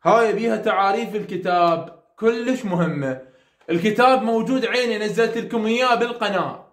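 A man with an Iraqi Arabic accent giving an online university lecture, repeating key points slowly to drill his students. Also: high voice. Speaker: university English tutor. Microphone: computer mic over weak internet.

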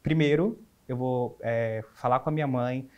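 A young man in his twenties with a Brazilian Portuguese accent, speaking as an interview guest. His voice sits at an ordinary middle pitch. He tells his story openly and earnestly, often stopping and restarting. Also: normal speed, darkish tone, highs cut off. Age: 20s. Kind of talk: candid personal interview.

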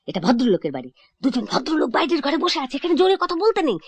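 A woman doing a stern, hushed sister-in-law. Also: sing-song, quick pace, a little hiss or hum. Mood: hushed reproach. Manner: low, hushed, reproving. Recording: dull lo-fi old recording.

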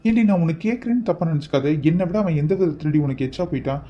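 A man's voice: a little high, expressive, rapid-fire, muffled recording. A man voicing an obsessive male kidnapper in a cartoon, who talks in a wheedling, possessive way, scolding and then pleading. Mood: insistent. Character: obsessive male kidnapper pressing a married woman to wed him. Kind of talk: animated cartoon voice acting.

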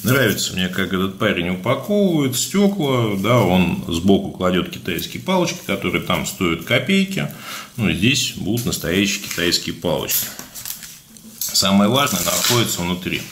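Low-voiced man with burred r's. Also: sing-song, normal speed, fairly bright tone, a little hiss or hum. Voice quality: burred, defective r sound. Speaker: unboxing video blogger. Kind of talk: casual product review monologue. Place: indoors, at a table, hands-only shot.

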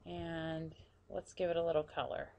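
A woman narrating a screen-recorded software tutorial, quietly talking through each step as she clicks. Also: deep voice, level tone, moderate pace. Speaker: tutorial presenter.

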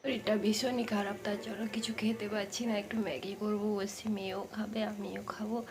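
A sick woman with a hoarse voice, quietly and tiredly narrating a casual cooking vlog from her home kitchen to viewers she treats as friends. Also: mid-range voice, level tone, a little fast, a little hiss or hum. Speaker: housewife vlogger.

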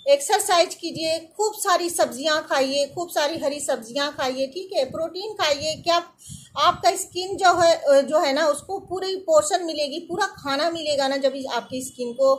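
High-voiced woman giving earnest skincare advice. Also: normal speed, a little hiss or hum. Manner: earnest, reassuring, often adds "theek hai na". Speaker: beauty and skincare vlogger. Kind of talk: casual advice to viewers. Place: indoor room with curtains.

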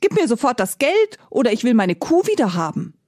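A woman's voice: medium pitch, very animated, normal speed, darkish tone, no room sound, studio quality. A woman voicing a simple-minded male farmer who talks in a folksy, exclaiming way. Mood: indignant.

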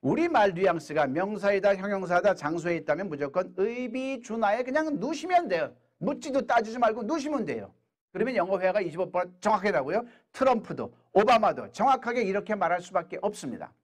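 A middle-aged man giving an energetic English lecture in a hall, drilling questions and answers with his audience. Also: sits high, fairly quick.

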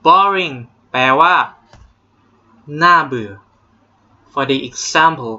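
A man's voice: on the high side, lively intonation, very slow, sharp tone. A young Thai man teaching English vocabulary to students in a playful, joking way, with a Thai accent. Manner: playful, jokey, drills English words with exaggerated pronunciation. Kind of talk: online vocabulary lesson. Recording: dull lo-fi home recording.

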